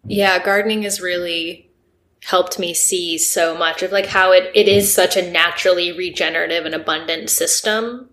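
A woman's voice: lowish voice, fairly even intonation, normal speed, a bit bright. A woman in her thirties, an herbalist guest, telling a personal story in casual, reflective chat with many "like" fillers. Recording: roomy echo.

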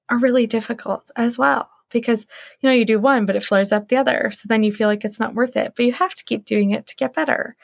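A woman's voice: fairly high pitch, vocal fry, dry recording. A young woman hosting a podcast, talking casually and earnestly in an encouraging way, with a lot of "like". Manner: earnest, encouraging, uses 'like' often. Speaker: podcast host. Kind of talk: casual solo podcast talk.

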